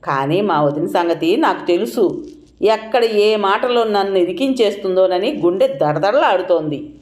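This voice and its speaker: Expressive woman telling an audio story. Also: mid-range voice, measured pace. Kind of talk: first-person audio story narration. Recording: roomy echoing recording.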